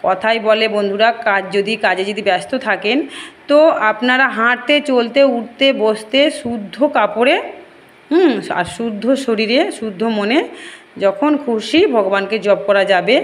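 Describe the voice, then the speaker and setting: A woman's voice: a little high, a little slow. Earnest woman. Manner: earnest, pleading, addresses viewers as friends. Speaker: home shrine devotee vlogger. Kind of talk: devotional home vlog talk.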